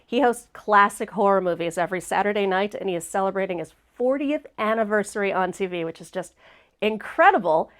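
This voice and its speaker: A woman hosts a casual livestream chat, sounding a bit sniffly and congested. Her mid-range, fairly bright voice runs a little fast, and she's chatty and upbeat, laughing easily.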